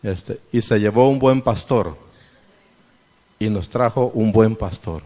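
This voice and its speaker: A man's voice: on the low side, slow pace, dark tone. Male lay preacher addressing his congregation, reverberant church hall. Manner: preaching with questions to the congregation and scripture readings. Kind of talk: sermon.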